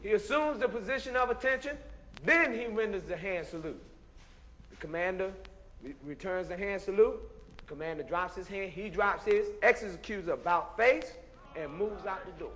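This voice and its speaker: A man's voice: sits high, moderate pace, a bit bright. A man teaching military procedure step by step as an instructor. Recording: long hall reverb.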